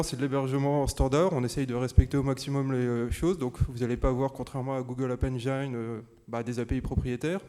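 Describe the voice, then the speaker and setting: Mellow-voiced French man giving a talk. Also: mid-range voice. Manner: hesitant, filler-heavy and joking. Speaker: conference speaker. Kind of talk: casual lightning talk.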